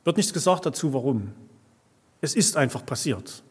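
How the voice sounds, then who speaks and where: A man's voice: mid-range voice, animated, normal speed, slightly rough. A man preaching a conversational sermon, often tagging his sentences with little questions to the congregation. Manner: peppers speech with tag questions like "ja" and "ne". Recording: long reverb of a large hall.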